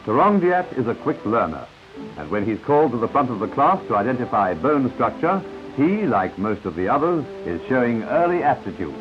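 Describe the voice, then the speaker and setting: Music plays plainly beneath a man narrating an old newsreel, the sound muffled and lo-fi in the manner of a 1950s newsreel track. He speaks at a moderate pace with announcer confidence, his pitch rising and dipping in lively swings, and he tosses in asides to the viewer.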